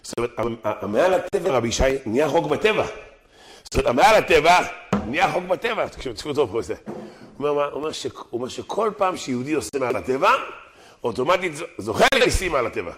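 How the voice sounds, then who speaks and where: Animated rabbi giving a sermon. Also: male voice, medium pitch. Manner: animated, shouting quotations, Talmudic chanting.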